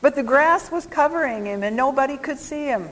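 A woman's voice: high-pitched, expressive. A woman preaching, telling stories in short phrases for an interpreter. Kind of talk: sermon spoken for live interpretation. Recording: echoey hall.

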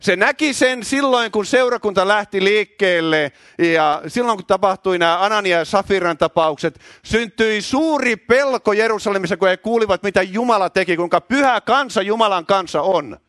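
A man of middle age delivers a charismatic sermon in a church, shouting with fervour. His voice sits high, and the recording is dry, with little room sound. He repeats words when he gets carried away. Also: hardly any pauses, no echo. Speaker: preacher.

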